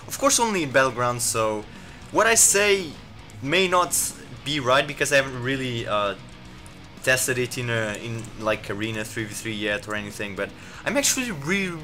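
Guy doing live gameplay commentary, bouncy pitch, lots of ums and restarts, faint game music behind. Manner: rambling, full of fillers and restarts; quick excited reactions to the action.

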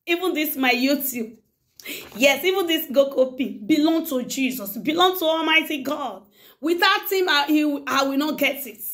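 A woman's voice: high voice, a bit bright. A middle-aged woman YouTuber speaking to her viewers in a casual monologue. She is emphatic and preachy and keeps repeating phrases.

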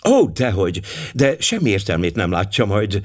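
Egy férfi által megszólaltatott aggódó amerikai anya. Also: male voice, on the low side, sing-song. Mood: worried. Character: anxious American mother, middle-aged woman.

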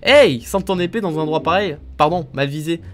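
A man streaming a video game live, joking and reacting excitably to it, recorded on a studio streaming mic. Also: a little high, a little fast. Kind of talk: live gaming stream commentary. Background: game music.

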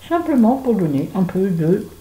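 A woman's voice: mid-range voice, big pitch swings, moderate pace, mellow, low-quality recording. A middle-aged woman vlogging while she does her make-up, chatting and telling a story with exasperated asides. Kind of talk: casual chit-chat while doing make-up.

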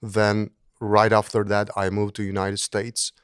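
A man's voice: lowish voice, completely flat delivery, measured pace, clean tone, no room sound, clean studio sound. A middle-aged man from Turkey, speaking as an interview guest in an earnest way, often restarting and repeating words. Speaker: guest, engineering professor. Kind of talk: conversational interview.

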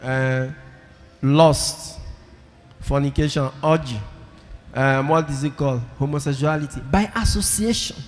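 Emphatic priest preaching in a church. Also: male voice, medium pitch, unhurried, pauses often, soft background music. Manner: emphatic, repeats key phrases, calls for audience responses. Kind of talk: sermon. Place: large church with congregation. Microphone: handheld microphone. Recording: long church reverb.

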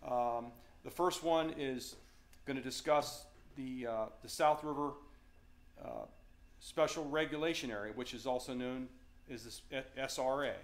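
Middle-aged Virginian man, fisheries manager at a slide talk, halting delivery, average pitch. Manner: unscripted, many fillers and restarts. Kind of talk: slide presentation lecture. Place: darkened meeting room with audience.

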